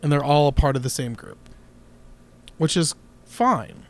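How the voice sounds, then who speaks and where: A man's voice: fairly high pitch, lively intonation, unhurried. A man co-hosting a casual guitar podcast, talking in a rambling, opinionated way with many restarts. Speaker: podcast co-host. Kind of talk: casual chat.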